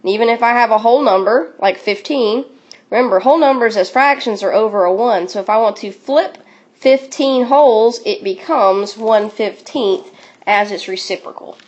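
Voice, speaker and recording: A woman's voice: on the high side, normal speed, darkish tone, muffled recording. A woman teaching a recorded sixth grade math review, upbeat and encouraging, with playful catchphrases as she walks through each step. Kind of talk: recorded classroom review lesson.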